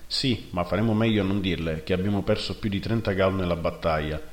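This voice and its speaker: A man's voice: low voice, brisk, natural voice. A man voicing a male undead death knight commander who gives curt, matter-of-fact orders, in a roomy recording. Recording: roomy echo.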